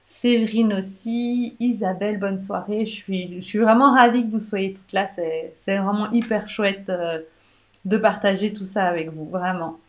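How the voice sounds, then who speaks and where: A woman's voice: mid-range voice, fairly even intonation, normal speed. A woman with a Belgian French accent, a pharmacist hosting a live online question session, chatty with many hesitations. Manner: chatty, warm toward viewers, many "euh" hesitations and restarts. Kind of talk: live online Q&A, reading and answering viewer comments.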